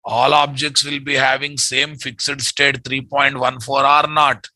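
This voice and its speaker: Sharp, emphatic Telugu-accented man teaching. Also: medium pitch, little pitch movement, measured pace, no room sound. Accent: Telugu Indian. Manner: emphatic, repeats statements and quizzes listeners. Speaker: programming teacher. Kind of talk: live lecture to students.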